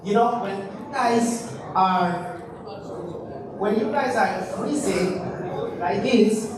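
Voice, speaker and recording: A man's voice: high-pitched, slow, background noise. A young man from Ecuador with an Ecuadorian Spanish accent, talking casually to a school audience and asking them questions. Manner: chatty, asks the audience questions. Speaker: presenter. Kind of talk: casual talk. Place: school auditorium. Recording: very echoey hall, mic far off.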